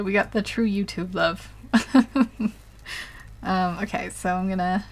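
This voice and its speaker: A woman chatting casually while she paints live on a tablet, laughing often and rambling with lots of fillers. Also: lowish voice. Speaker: digital painting livestreamer.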